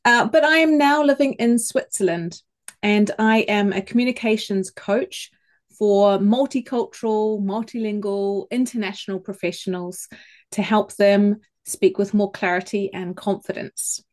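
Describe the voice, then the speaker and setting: A communications coach from New Zealand appears as a guest in a relaxed podcast interview. She speaks in an easy mid-range voice, choosing her words carefully, thoughtful and measured, with small restarts.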